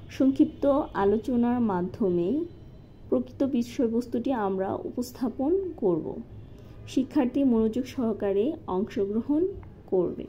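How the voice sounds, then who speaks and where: A woman calmly walking through a lesson plan step by step, as a teacher-training instructor. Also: on the high side. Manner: methodical, step-by-step with occasional fillers. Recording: slightly dull lo-fi recording with faint noise.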